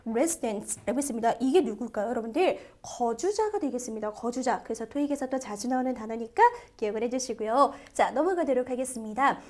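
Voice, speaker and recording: A woman with a bright, high voice teaches a test-prep listening lesson. She speaks in a lively, animated way and keeps turning to her students with questions. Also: fairly quick, few pauses. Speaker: TOEIC listening instructor. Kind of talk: video lecture.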